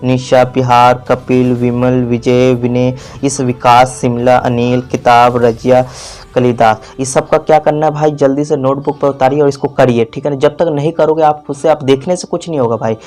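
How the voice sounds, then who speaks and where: A man's voice: mid-range voice, little pitch movement, normal speed, a little mellow, faint music behind. A man giving a spelling lesson, repeating words and quizzing the viewer, stretching out vowels. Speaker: teacher. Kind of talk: classroom-style spelling lesson.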